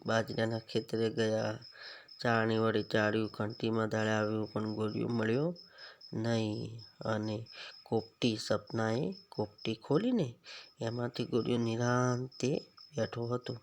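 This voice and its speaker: Male Gujarati schoolteacher, gravelly low-key delivery, storybook reading for children. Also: slight background noise. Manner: slow, explanatory, asks the children questions. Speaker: teacher.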